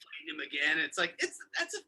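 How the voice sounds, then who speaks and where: A man's voice: a little high, huge pitch swings, quick pace, sharp tone, breathy edge, rough recording. A man chatting casually as a brewery guest on a festival stream, rambling with lots of "like" fillers. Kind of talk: casual chat.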